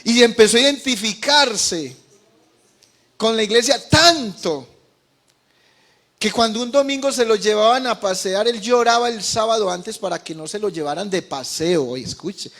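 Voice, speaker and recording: A Colombian man preaching as a pastor, telling a testimony with passion, moving between quiet and loud. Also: high-pitched, lively intonation, normal speed. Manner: impassioned, swings from quiet to loud. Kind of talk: sermon testimony.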